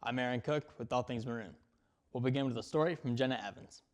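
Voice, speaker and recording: A man's voice: medium pitch, fast. Student news anchor man.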